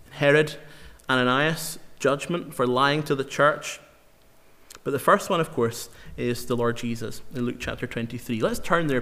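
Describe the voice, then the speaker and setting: A man preaching a sermon in an earnest, emphatic way, slowing down to repeat key phrases for weight. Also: mid-range voice, a bit bright. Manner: earnest, emphatic, with slow dramatic repetitions. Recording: long hall reverb.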